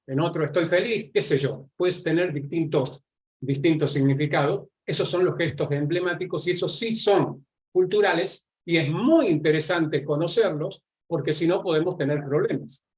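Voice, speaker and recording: A man with an Argentine accent gives a conversational online lecture, explaining points and checking in with his audience again and again. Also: on the high side. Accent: Argentine Spanish. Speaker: lecturer on nonverbal communication. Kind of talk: live online class lecture.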